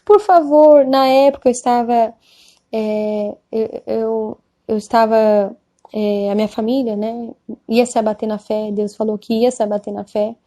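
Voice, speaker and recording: A woman's voice: a little high, little pitch movement, measured pace, dark tone. A Brazilian woman giving an emotional, earnest religious testimony, often asking her listeners "amém?". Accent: Brazilian Portuguese. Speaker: church member giving testimony.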